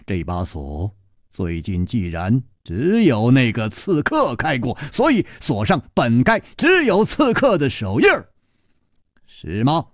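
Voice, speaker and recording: A man playing a suave, sharp-witted male detective hero, calm and teasing, in a spoken storytelling recording. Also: medium pitch, takes it slowly, no room sound, clean studio sound. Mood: amused.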